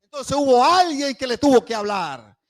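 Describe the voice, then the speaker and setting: A man preaching a sermon in a church, swinging between loud calls and hushed asides and acting out the voices he quotes. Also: very high-pitched, very animated, moderate pace. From Panama. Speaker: pastor.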